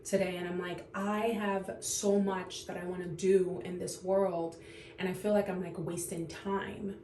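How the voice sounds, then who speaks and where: A woman in her thirties talks straight to camera in an unscripted confession, trying not to cry, halting and sighing often. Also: lowish voice, flat delivery, mellow, reverberant, a little hiss or hum. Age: 30s. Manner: tearful, halting, full of fillers and sighs. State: on the verge of tears. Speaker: vlogger.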